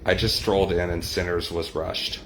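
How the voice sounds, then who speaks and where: Middle-aged male streamer, deep register, loose discursive chat to a live audience. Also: level tone, moderate pace, fairly bright tone, a little hiss or hum. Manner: rambling, discursive. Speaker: livestream host and poet. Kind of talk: casual chat with live viewers.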